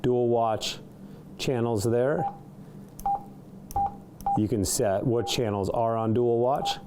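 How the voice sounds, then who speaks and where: A medium-pitched man reviews a CB radio in an indoor studio against a noisy background. His demonstration is casual and unscripted, and he hesitates a bit while going over the features.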